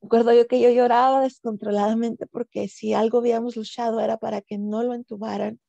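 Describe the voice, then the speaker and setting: A woman tells her personal story of faith in a halting way, often repeating words and leaning on fillers. Her voice sits fairly high with a gravelly fry and a dark, mellow tone. The sound is dry and close. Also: level tone, no echo, dull audio. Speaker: guest giving a faith testimony. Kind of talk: emotional personal testimony.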